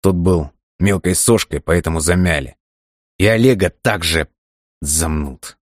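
A man voicing a hot-tempered young gangster who swears and yells at his friend. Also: deep voice, a little slow, dry recording, studio quality. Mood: angry.

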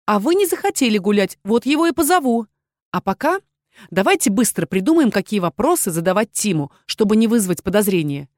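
A woman's voice: mid-range voice, very animated, fairly quick, darkish tone, no echo, studio quality, lightly acted. A woman reading an audiobook, voicing a nervous, prim young woman student who fires off anxious questions. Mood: resolute. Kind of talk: audiobook character voice.

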